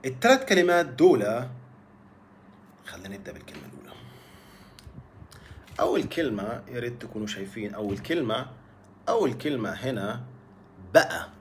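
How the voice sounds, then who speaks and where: A man's voice: mid-range voice, fairly quick, pauses often, slight background noise. Egyptian-accented man teaching casually. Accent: Egyptian Arabic. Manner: lively, repetitive, teacherly, stretches words for emphasis. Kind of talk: casual spoken lesson to camera.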